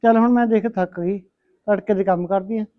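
A woman's voice: medium pitch, steady tone, a little fast, lightly acted. A middle-aged woman, playing a tired, patient mother-in-law in a village family drama. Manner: gentle, weary, calls her "son". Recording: dull lo-fi recording.

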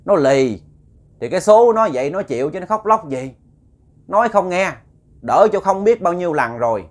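A man's voice: high voice, big pitch swings, moderate pace, voice pushed up. A man with a Southern Vietnamese accent voicing the spirit of a stern old woman who speaks through a possessed woman, scolding bluntly in a raised voice.

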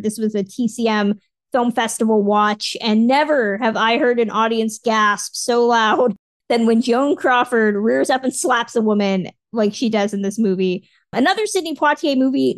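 A woman's voice: a little high, no echo. Upbeat woman podcast co-host. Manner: upbeat, recommending. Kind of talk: casual chat.

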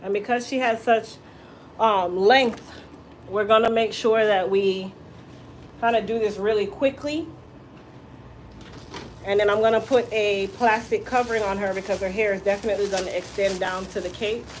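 A woman's voice: medium pitch, fairly even intonation, normal speed, pauses often, slight background noise, low-quality recording. A woman hair stylist chatting casually as she explains her work in a small salon, laughing at viewer comments. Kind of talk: casual salon tutorial livestream.

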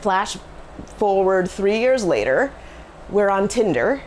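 A middle-aged woman from Cambodia, a restaurant co-owner chatting in an interview, quick with fillers and asides, on a lapel mic in a small kitchen. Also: medium pitch, sing-song, darkish tone, slight background noise. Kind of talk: casual interview. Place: small commercial kitchen, indoors. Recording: music bed underneath.

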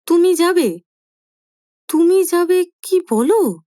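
A woman voicing a grown son in a storybook reading, hurried and sheepish, talking too much to cover his unease. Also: a little high, sing-song, a little mellow, no echo, clean studio sound. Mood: flustered. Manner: hurried, over-explaining, sheepish. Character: anxious grown son, eager and flustered. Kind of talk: audiobook character voice.

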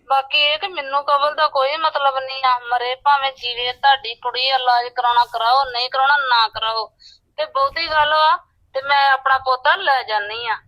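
A woman's voice: sits high, pushed and bright. A woman playing a stern, demanding older mother-in-law in a family drama, scolding curtly over the telephone. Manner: curt, scolding, insistent. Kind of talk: acted family drama dialogue. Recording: muffled, tinny phone-call sound.

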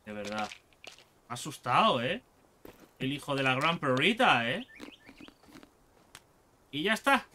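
A man with an accent from Spain giving excitable, foul-mouthed let's play commentary as a gaming channel host, taunting enemies as he plays. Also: mid-range voice, slow, pauses often, a little hiss or hum. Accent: Spain Spanish.

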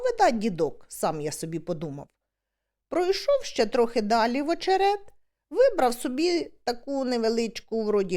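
A woman reading a humorous story aloud as an audiobook, with lively, expressive storytelling. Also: high-pitched. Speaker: audiobook reader.

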